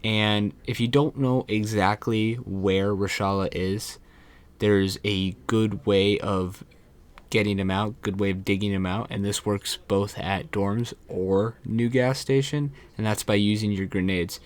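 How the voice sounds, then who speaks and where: Young male gaming host, low voice, chatty tutorial delivery. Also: fairly even intonation, measured pace. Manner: chatty, calls viewers "boys". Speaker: gaming YouTuber. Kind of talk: casual gameplay tutorial.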